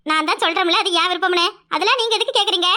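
A woman's voice: extremely high pitch, racing. Stern young village woman. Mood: curt. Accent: southern Tamil. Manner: curt, sharp-tongued, scolding. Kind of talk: cartoon voice acting.

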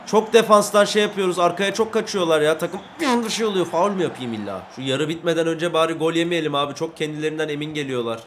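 A young man commentating his own football video game, swinging from low mumbling to loud shouts at his players. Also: fast, hardly any pauses, a little hiss or hum. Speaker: gaming YouTuber.

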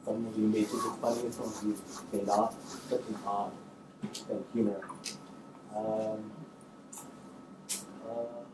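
Seated on an indoor auditorium stage, a man in his thirties answers as a screenwriter on a panel, thinking aloud casually and hesitantly in informal language. His voice is lowish and flat, slow, with frequent pauses. The roomy, distantly miked sound carries faint noise.

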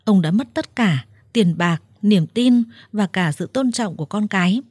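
A woman storyteller reading a scripted drama in a steady, dramatic narrating manner into a close mic. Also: mid-range voice, unhurried, husky, no room sound.

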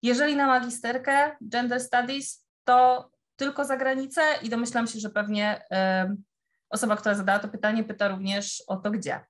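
Woman moderator, polite and fairly high. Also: flat delivery, moderate pace. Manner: polite, passing questions to the speakers. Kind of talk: panel discussion.

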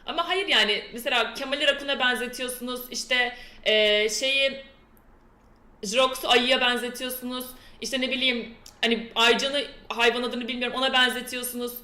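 A woman's voice: fairly high pitch, fairly even intonation, moderate pace, pushed and bright, reverberant. A young woman chatting casually with her live-stream chat and reading quiz questions aloud in a playful way. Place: indoor room with a door that keeps slamming.

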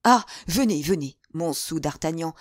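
A woman's voice: on the low side, normal speed, a little mellow, no room sound, studio quality, natural voice. A woman voicing an anxious, scheming old cardinal in an audiobook, fretful and pleading. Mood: uneasy.

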